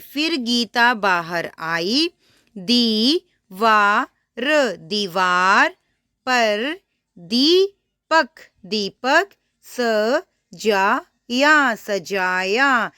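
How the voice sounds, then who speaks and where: A woman teaching a first-grade reading lesson, saying each word slowly and twice, then explaining to the child with questions. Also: on the high side, sharp tone, no room sound, clean studio sound. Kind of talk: primary school reading lesson.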